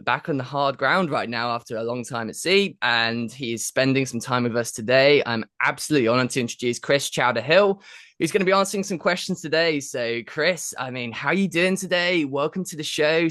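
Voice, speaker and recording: A man's voice: medium pitch, brisk, fairly bright tone, no room sound, studio quality. A man hosting a podcast, presenting and interviewing in an effusive, enthusiastic, informal way. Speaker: podcast host.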